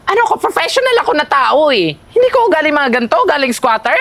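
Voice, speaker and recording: Indignant high-voiced homeowner. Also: female voice, very animated, fast talker, fairly bright tone, full character voice. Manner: dramatic, exasperated, defensive. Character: indignant homeowner accused of being a mistress. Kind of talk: short film acting.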